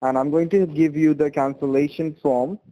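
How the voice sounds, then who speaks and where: Mellow male phone support agent. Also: on the high side, steady tone, normal speed, a little hiss or hum, rough recording. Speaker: scam call center agent.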